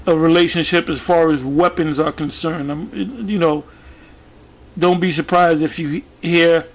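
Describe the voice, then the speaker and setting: A man giving casual commentary as he reads out a news web page, speaking haltingly with many fillers and restarts. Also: a little high, fairly even intonation. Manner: halting, many fillers and restarts, talks through what is on screen. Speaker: religious video commentator.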